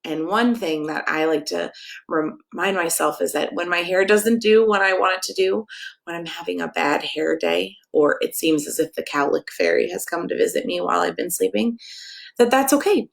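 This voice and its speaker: A fairly low, gravelly voice at a normal speed belongs to a middle-aged American woman, a pastor, reading to children. She reads in a playful sing-song and chats directly with them during story time.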